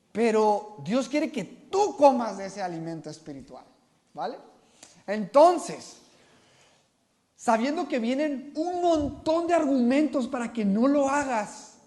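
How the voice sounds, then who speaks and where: A man teaching an evangelism workshop at church, asking the audience questions and repeating their answers back. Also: very high voice. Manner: animated, swings between loud and soft.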